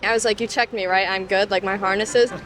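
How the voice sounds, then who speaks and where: A young woman talks casually, dropping "like" all through her speech. She speaks as the family's daughter recounting the day. Loud music plays over her voice. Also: medium pitch, steady tone, quick pace. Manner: casual, lots of "like" fillers. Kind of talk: casual chat.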